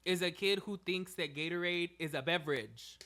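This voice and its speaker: A young man in his twenties chatting on a podcast in a studio, telling animated, profane, slang-filled stories. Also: high voice, normal speed. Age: 20s. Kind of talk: casual chat.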